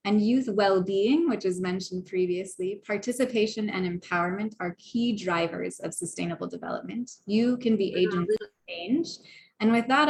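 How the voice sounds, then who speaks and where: A woman's voice: mid-range voice, slight background noise. A woman speaking earnestly on a video call, closing a formal talk for a youth forum. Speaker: panel speaker.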